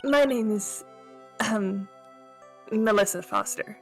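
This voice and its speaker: A woman voicing a meek, polite, easily upset young female college student testifying in a comedic courtroom game read-along, halting and sweetly earnest. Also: mid-range voice, creaky, soft background music. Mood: timid, polite.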